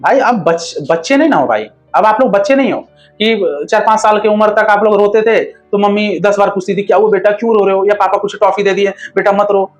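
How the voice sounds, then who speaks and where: A man's voice: sits high, brisk, lo-fi sound, faint music behind. A man hosting a relationship advice talk, speaking bluntly and crudely, scolding viewers like a brother.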